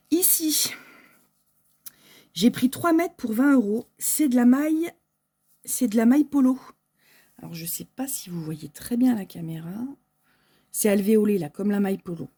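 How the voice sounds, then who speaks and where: A woman's voice: mid-range voice, dark tone. A French woman chatting casually through an unboxing, hesitant and full of fillers, with packaging crinkling behind her. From France. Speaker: sewing shop owner.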